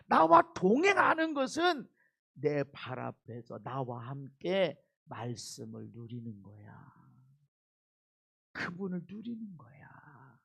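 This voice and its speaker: A middle-aged male pastor giving an animated sermon, acting out the people in his Bible story. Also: extremely high pitch, vocal fry. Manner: animated, acts out biblical quotes in lively voices.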